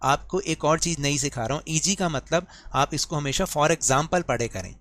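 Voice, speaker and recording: Guy teacher going over a worksheet, fairly high voice, slow careful bits. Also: a bit bright, dry recording. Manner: explains patiently, repeats and asks students questions; reads English lines slowly and deliberately. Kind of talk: worksheet lesson explanation.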